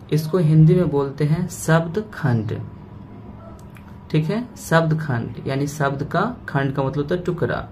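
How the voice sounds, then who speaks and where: A man teaching a grammar lesson. He breaks words into parts slowly and keeps checking in with "okay" after each point. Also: on the high side, a little mellow, slight background noise.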